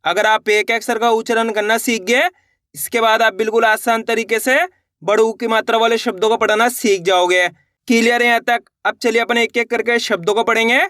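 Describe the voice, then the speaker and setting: A man teaching children to read, sounding out each letter slowly and then repeating the whole word. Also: extremely high pitch, fairly even intonation, bright, forceful tone, no room sound, clean studio sound. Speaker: Hindi reading teacher. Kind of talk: patient spoken lesson.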